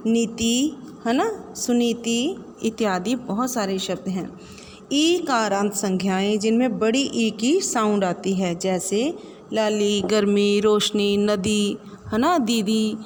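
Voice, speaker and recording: A woman's voice: on the high side, darkish tone, in a large hall, slight background noise. A woman teaching a Hindi grammar lesson, listing word examples one by one and checking in with a rising "है ना?". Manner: lists examples with frequent rising "है ना?" check-ins.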